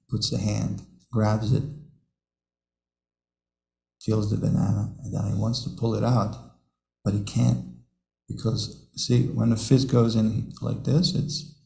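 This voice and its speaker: A man's voice: on the low side, flat delivery, measured pace, creaky, long pauses, darkish tone, reverberant, rough recording. A man giving a devotional scripture class, telling stories to his audience, chuckling often and repeating his words. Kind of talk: devotional class talk with storytelling. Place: temple hall.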